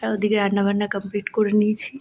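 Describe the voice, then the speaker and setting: A woman narrating her daily vlog in an easygoing, chatty way. Her pitch sits in the middle of the range, and she often drops to a hushed, quiet tone. A faint hum of noise runs underneath. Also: completely flat delivery, rapid-fire, poor audio. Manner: soft-spoken, hushed at times. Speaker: vlogger.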